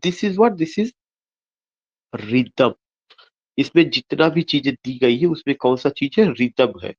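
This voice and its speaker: Male tutor, deliberate and repetitive, asks and answers his own questions; muffled low-fi audio. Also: animated, a little mellow, husky. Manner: repeats each point and quizzes himself aloud; reads English slowly word by word, explains in quick Hindi. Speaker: English literature teacher. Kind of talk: exam-prep lecture mixing Hindi and English.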